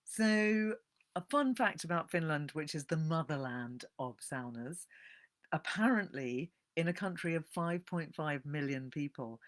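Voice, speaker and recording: A woman, giving a casual, animated live-stream talk on books and greeting viewers as they join. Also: deep voice, measured pace. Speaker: bibliotherapist hosting a live book talk.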